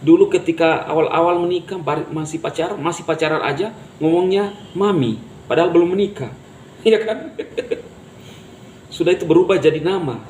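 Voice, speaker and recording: A man hosting his own channel, giving a casual motivational talk to viewers in a chatty way, laughing at his own remarks. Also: fairly high pitch. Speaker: channel host. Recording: echoey room with faint background noise.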